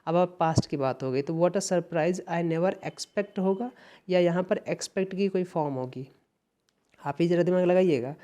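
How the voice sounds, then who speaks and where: This competitive-exam English teacher has an Indian accent and a mellow voice that sits high, talking at a normal speed. He repeats key phrases and explains everything patiently.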